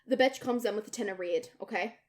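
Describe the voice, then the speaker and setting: A young woman with a mid-range voice talks quickly while co-hosting a podcast, telling a story in casual chat. She's lively, swears freely, and acts out what people said.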